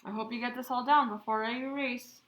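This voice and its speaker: Woman teacher dictating slowly in echoey room. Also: on the high side, fairly even intonation, a bit bright, a little hiss or hum. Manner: dictating slowly with pauses, naming capitals and punctuation. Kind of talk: classroom lesson. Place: indoor classroom.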